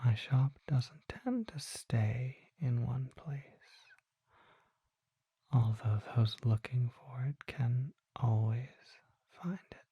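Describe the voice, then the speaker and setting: With a soft, often whispered delivery, a performer plays a courteous vampire apothecary full of curiosity in an ASMR roleplay, speaking in a genteel, leisurely, musing way. The medium-pitched voice is expressive, slow-paced, and has a breathy edge. It's heavily acted, with no room sound.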